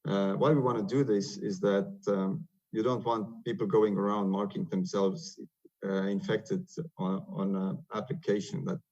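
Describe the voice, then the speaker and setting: A man with an Estonian accent gives a webinar talk in English, his second language, over a video call. His voice sits low and comes through dull and lo-fi. He pauses often on fillers as he explains. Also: little pitch movement, a little mellow. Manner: hesitant, many "uh" fillers and restarts. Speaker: software developer presenting on a webinar. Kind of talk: webinar presentation.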